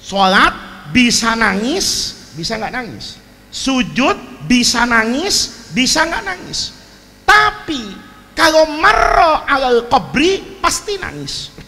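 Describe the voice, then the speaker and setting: In a reverberant hall with faint ambient noise, a man preaches a humorous sermon, telling animated stories full of jokes and frequent asides to the congregation. His voice is very high-pitched and slow.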